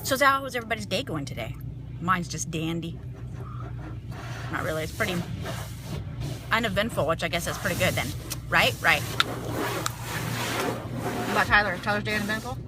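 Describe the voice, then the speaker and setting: Excitable woman vlogging inside a car wash. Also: lowish voice, normal speed, pauses often, very noisy. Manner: excitable, playful, exclaiming. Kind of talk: casual vlog chat. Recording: loud music over voice inside car.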